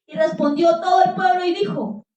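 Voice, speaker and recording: A woman preaches a sermon, retelling scripture dramatically and turning to her listeners with asides. Her voice is high. She sounds far from the mic, in a room with strong echo. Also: fairly even intonation, normal speed, a little mellow, lo-fi sound, soft background music. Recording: echoey room, distant mic.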